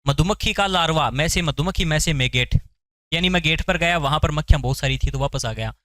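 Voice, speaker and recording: Male tutor, question-and-answer drilling style, slightly high voice, no room echo. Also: fast talker, a bit bright. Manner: asks questions then answers them; repeats key terms for memorizing. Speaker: science teacher. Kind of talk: exam-prep lecture.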